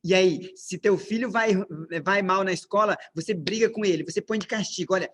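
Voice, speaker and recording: A man with a high, light voice and a Brazilian Portuguese accent delivers a parenting lecture. He keeps asking the room questions and answers them himself, in the steady, emphatic way of a teacher walking through his slides. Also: normal speed, a little hiss or hum. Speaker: parenting speaker.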